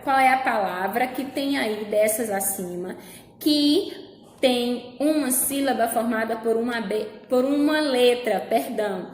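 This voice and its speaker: Brazilian female primary teacher, patient worksheet walkthrough, bright high voice, echoey room. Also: slight background noise. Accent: Brazilian Portuguese. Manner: patient, repeats and checks with "certo?", uses diminutives. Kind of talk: explaining a worksheet to young children. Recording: echoey room with long reverb.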